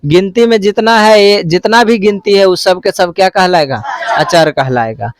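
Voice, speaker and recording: Speaking at a normal speed in a high voice, this man teaches math to a class. He runs a call-and-response quiz, posing repeated questions and echoing back the answers he gets.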